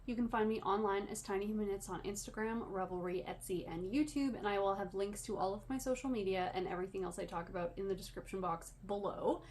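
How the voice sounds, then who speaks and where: A Canadian podcast host who dyes yarn chats casually, slightly wheezy and short of breath, wandering into self-deprecating asides. Her medium-pitched voice is steady, a little mellow, and fast, with hardly any pauses, over clear background room noise.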